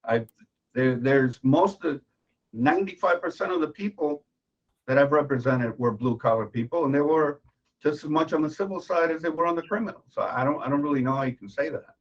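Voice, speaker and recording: A man's voice: fairly high pitch, brisk. A man from Venezuela, a judicial candidate, answering interview questions in an earnest, insistent way and repeating himself as he argues. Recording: dull lo-fi recording.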